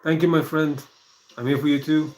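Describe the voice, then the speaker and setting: A man, talking alone to a live-stream audience in a soft-spoken, rambling way with many pauses and fillers. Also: fairly high pitch, level tone, low-quality recording. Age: 40s. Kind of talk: casual live-stream monologue.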